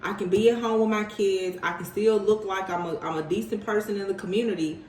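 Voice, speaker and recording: A woman's voice: medium pitch, steady tone, brisk, a little mellow, echoey room, distant mic, slight background noise, voice pushed down, lightly acted, rough recording. A woman mimicking a selfish, stubborn man. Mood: demanding. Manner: demanding, self-satisfied.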